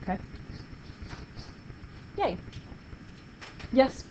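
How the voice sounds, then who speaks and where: A woman teaching a math class, upbeat, playful and encouraging with her students. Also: drawn-out words. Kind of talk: classroom lecture. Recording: muffled classroom recording with faint noise.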